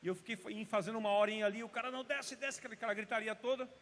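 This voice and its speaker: High-voiced pastor preaching in a hall. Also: male voice, fairly even intonation, very fast. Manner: storytelling, emphatic, drops to hushed tones for drama. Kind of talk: sermon. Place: church service. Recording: reverberant church hall.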